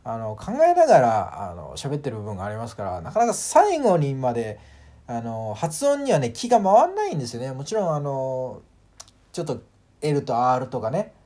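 Guy talking solo on his own show, chatty and lively, voice swings up and down a lot, lots of um and like. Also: mid-range voice, normal speed. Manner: animated, demonstrates sounds, frequent fillers. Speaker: podcast host. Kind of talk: casual solo talk.

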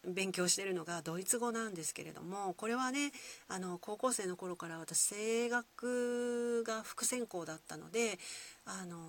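A woman with a Kyoto accent hosting a solo podcast, musing gently with many soft fillers. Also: mid-range voice. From Kyoto, Japan. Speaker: podcast host.

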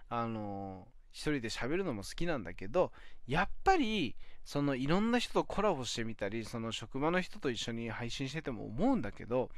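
A young podcast host records his weekly talk show alone on his phone, rambling casually with lots of hesitant ums and self-deprecating laughs. His pitch swings widely from phrase to phrase, and his tone is fairly bright. The audio is dry and close, with no room sound.

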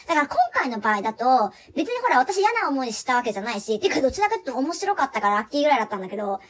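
A young woman tells a story from work in a chatty, casual way and laughs a lot. Her voice is high and a little breathy. Her pitch swings up and down all through the telling. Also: rapid-fire. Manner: chatty, animated, laughs often. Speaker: live chat performer telling a work story. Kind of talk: casual solo talk radio storytelling.

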